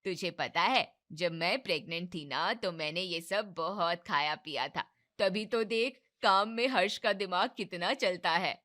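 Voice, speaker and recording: A woman's voice: on the low side, unhurried, bright, forceful tone. A woman voicing a bossy but caring older mother-in-law in a cartoon family drama, scolding and commanding.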